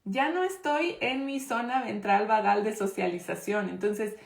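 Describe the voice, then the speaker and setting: A woman's voice: mid-range voice, a little slow, vocal fry. Emphatic woman teaching in an echoey room. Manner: conversational, checks in with the audience often; emphatic, stresses key points. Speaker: parenting course instructor. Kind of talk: live online class.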